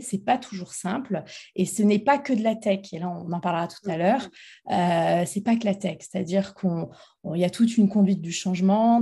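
A woman's voice: medium pitch, dark tone. A woman interviewed as founder of a training institute, talking with many fillers and restarts. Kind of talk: interview conversation. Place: Montpellier, France.

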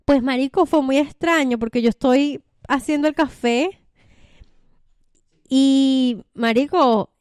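A woman's voice: high voice, slow, darkish tone, no echo, clean studio sound. A young woman telling stories in casual chat, chatty and slangy.

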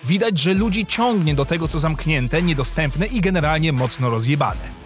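A man's voice: a little high, expressive, moderate pace, faint music behind. A man delivering satirical scripted commentary as narrator, with a sarcastic, mocking manner.

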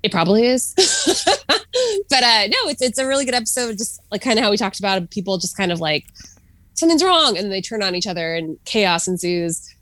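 A woman's voice: medium pitch, a little fast, fairly bright tone, no room sound. A woman co-hosting a podcast in casual chat, talking loosely with lots of fillers and frequent laughs. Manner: chatty, laughs often, many fillers. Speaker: podcast co-host.

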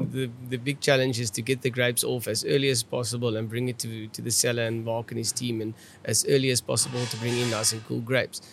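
A man's voice: medium pitch, vocal fry. South African man with Afrikaans accent, background noise. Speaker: viticulturist, podcast guest. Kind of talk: conversational interview answers.

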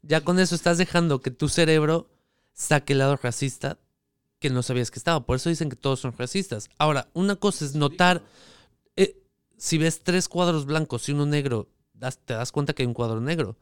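Man, co-host, smooth clear voice, dry close sound, explaining. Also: fairly high pitch, a little fast, no echo. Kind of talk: casual political discussion.

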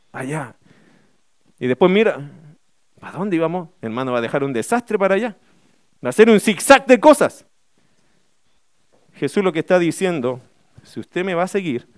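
A man's voice: high-pitched, smooth, no echo, studio quality. A middle-aged man, preaching a sermon as pastor, emphatic and full of rhetorical questions.

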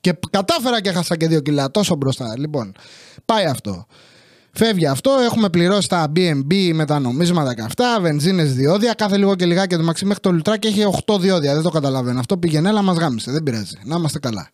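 A young man with a Greek accent and a high voice, ranting through a comic podcast monologue. He grumbles and swears sarcastically. The studio sound is dry and close, with no room echo. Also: expressive. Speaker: podcast host. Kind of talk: comic monologue, casual rant.

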